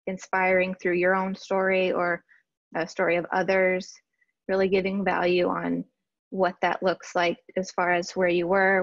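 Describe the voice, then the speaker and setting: A woman marketing strategist presenting a workshop in a casual, chatty way, often pausing with fillers and restarting sentences. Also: lowish voice, no room sound, dull audio. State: briefly out of breath. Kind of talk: casual slide-based webinar teaching.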